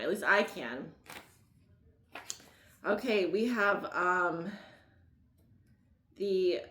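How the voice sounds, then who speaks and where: A woman's voice: medium pitch, a bit bright, roomy sound. A woman with a Mid-Atlantic Maryland accent doing a casual tarot reading, rambling with lots of fillers and laughing at herself. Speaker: tarot reader.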